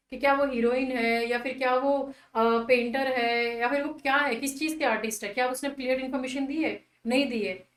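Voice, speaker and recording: A woman teaching an English grammar lesson. She asks the class questions and answers them herself, explaining patiently and reading example sentences slowly. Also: sits high, roomy sound.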